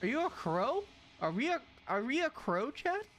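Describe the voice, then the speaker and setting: High-pitched, animated male game streamer. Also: normal speed, slight background noise. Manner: excitable, repeats words in bursts. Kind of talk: live video game commentary to chat.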